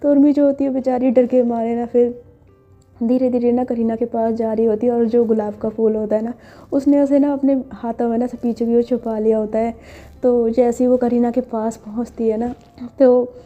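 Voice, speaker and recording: A woman tells a story casually, chatty and full of little fillers. Her voice is slightly high yet very dark and mellow. The recording is dull and lo-fi with faint music behind. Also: flat delivery, normal speed. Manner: chatty, filler-heavy retelling.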